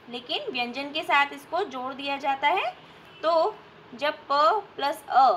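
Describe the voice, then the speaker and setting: A woman teacher giving a recorded grammar lesson for children, slow and patient, spelling out sounds with examples. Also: sits high, pushed and bright, slight background noise. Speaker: school teacher.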